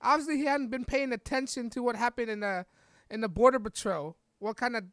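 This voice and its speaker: A woman hosting a podcast, reading an article aloud in halting, stumbling bursts and breaking off for heated, scornful asides. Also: on the high side, no echo. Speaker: podcast host.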